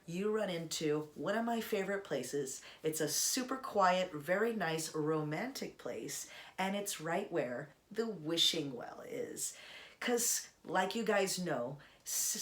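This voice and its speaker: A young adult woman vlogger casually telling a personal story to camera in a chatty, rambling way with sarcastic asides. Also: fairly low pitch. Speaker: Disney vlogger.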